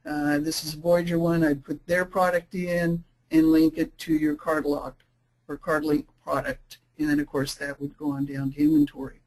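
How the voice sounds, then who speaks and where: A woman presenting a software webinar, explaining features casually with frequent fillers and restarts. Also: deep voice, flat delivery, poor audio. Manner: says she is talking too fast. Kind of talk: screen-share product demo.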